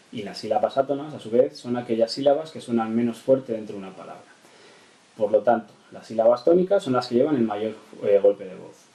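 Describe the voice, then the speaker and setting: A man teaches a primary lesson, patient and repeating key rules. His voice is mellow and a little dark. He sounds set back from the mic in an echoey room. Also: medium pitch, recorded from a distance. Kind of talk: explanatory lesson narration.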